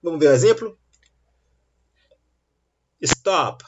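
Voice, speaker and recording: A man's voice: fairly high pitch, lively intonation, husky. A man teaching English grammar in a lesson, explaining patiently and checking that students follow. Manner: slow, patient explaining with rising checks like "tá bom?". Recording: dull lo-fi recording.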